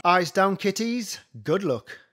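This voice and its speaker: A man's voice: high voice, slow, background noise. A man calling bingo numbers, each one followed by its traditional rhyme in a sing-song manner. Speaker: bingo caller.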